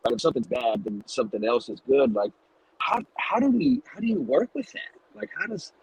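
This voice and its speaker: A man's voice: medium pitch, very animated, brisk, slight background noise, rough recording. A man hosting a podcast, asking long, searching, rambling questions in a casual interview. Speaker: podcast host.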